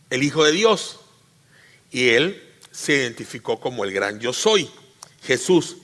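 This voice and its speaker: A pastor delivers a sermon to his congregation in a bright, forceful, fairly high voice that rings through a reverberant church hall. He teaches by repeating key phrases and asking his listeners questions, shifting between loud, emphatic peaks and quieter asides.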